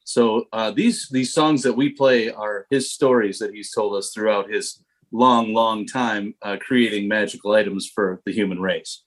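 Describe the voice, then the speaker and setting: A man's voice: lowish voice, fairly even intonation, a little slow. Matter-of-fact band guest man. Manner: dry, matter-of-fact straight answers. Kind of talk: comic interview answers.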